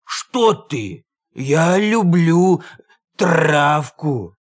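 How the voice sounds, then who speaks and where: A man doing a hoarse bewildered little donkey. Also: on the high side, big pitch swings, very slow, exaggerated voice. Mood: puzzled. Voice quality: hoarse, growly. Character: gentle little donkey turned wolf, hoarse, bewildered, male.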